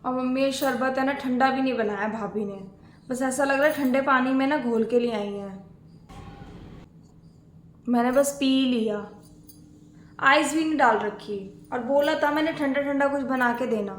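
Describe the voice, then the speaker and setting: A woman's voice: high voice, moderate pace, long pauses, a little hiss or hum, close to an everyday voice. A woman playing a demanding, bossy married sister-in-law who complains and gives orders, in a homemade family skit. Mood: complaining. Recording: echoey room.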